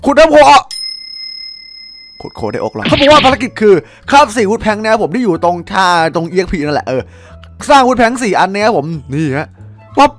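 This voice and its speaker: A young man giving casual, excitable commentary on a game, with loud outbursts and crude jokes. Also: high-pitched. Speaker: gaming YouTuber.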